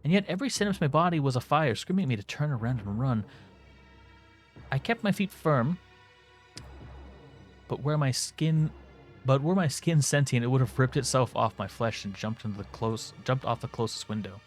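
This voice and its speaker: A man's voice: medium pitch, lively intonation, moderate pace, pauses often, faint music behind. A man hosting a game playthrough, reading the story aloud dramatically with wry, sarcastic asides. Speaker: gaming host reading aloud.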